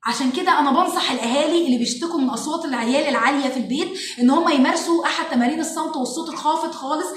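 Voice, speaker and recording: An Egyptian woman, a parenting educator and show host, explaining classroom activities to parents in an animated way and acting out what children say. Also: sits high, rapid-fire, a little hiss or hum. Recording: echoey room, mic at a distance.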